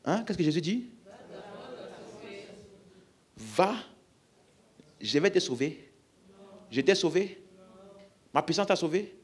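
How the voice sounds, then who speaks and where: A man's voice: on the high side, sing-song, takes it slowly, pauses often. A man with a French accent preaching a healing-service sermon, emphatically calling out questions to the congregation.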